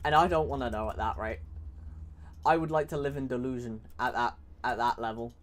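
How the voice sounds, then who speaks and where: A man talks through a strategy game in loose, rambling commentary, trailing off and restarting his sentences as he thinks out loud. He mocks the enemy with dry sarcasm. His pitch sits in an ordinary middle range. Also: fairly quick. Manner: rambling, sarcastic, self-correcting. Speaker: gaming YouTuber.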